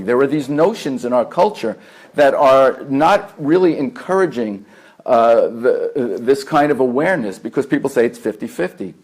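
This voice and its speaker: At a meditation center, a New York–accented man leads a live workshop as a family therapist. His medium-pitched, darkish voice has a breathy quality, and he stays measured and earnest, returning to key phrases to stress them.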